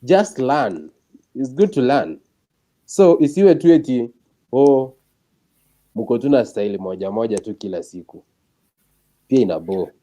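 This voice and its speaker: A man with a Kenyan accent talks casually, as a guest recounting stories. His voice is mid-pitched and mellow. He moves freely between English and Swahili. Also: lively intonation, measured pace, pauses often. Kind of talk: casual chat, storytelling.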